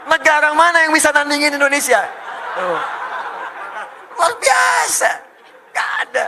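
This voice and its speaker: A middle-aged man preaching a lively sermon, animated and joking, firing off rhetorical questions to the crowd. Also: very high-pitched, a little fast, background noise. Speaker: Islamic preacher.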